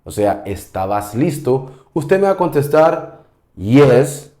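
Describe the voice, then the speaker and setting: A man teaching an English grammar lesson, explaining slowly and patiently and often checking in with "ok?". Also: medium pitch, very animated, warm tone, roomy sound. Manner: patient, repeats points, checks in with "ok?".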